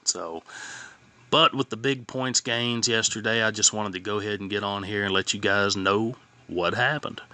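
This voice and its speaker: Bright-voiced man talking with a sore tongue. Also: fairly low pitch. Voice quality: slightly impaired speech from a sore, healing tongue. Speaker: host of a fan contest channel. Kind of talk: casual vlog talk, reading standings and chatting to followers.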